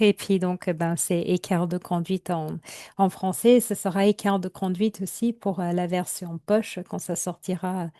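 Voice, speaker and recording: Woman author guest, mellow dark tone, dry sound, hesitant conversational delivery. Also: medium pitch, no echo. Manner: hesitant, many fillers and restarts. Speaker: novelist guest. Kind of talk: casual interview answers.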